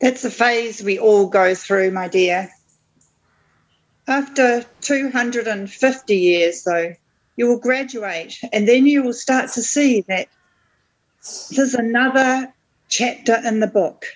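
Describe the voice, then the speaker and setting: A woman acts out an ancient, wise witch professor on a slightly dull recording. Her voice is fairly high and her delivery slow. She counsels patiently, in a comedy sketch. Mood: patient, consoling. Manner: measured, consoling. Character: wise, patient, centuries-old female magic professor.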